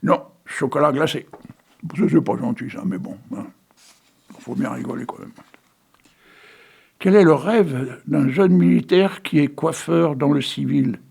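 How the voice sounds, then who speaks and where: Folksy French-accented male radio host, gravelly and husky, reads poems and puns between chatty asides. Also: on the high side, a little slow, pauses often, darkish tone. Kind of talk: casual local radio reading.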